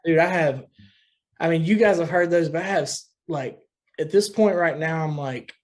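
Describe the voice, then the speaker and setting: A man's voice: on the high side, normal speed. A young man from West Virginia, a guest musician talking loosely in a casual podcast chat, often saying dude.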